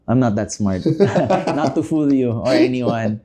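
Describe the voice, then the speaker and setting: A Filipino man in his thirties, a podcast guest speaking casually and in measured phrases with frequent pauses, mixing Tagalog into English. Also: mid-range voice, lively intonation, warm tone. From Philippines. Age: 30s. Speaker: podcast guest, business leader. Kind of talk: casual interview talk.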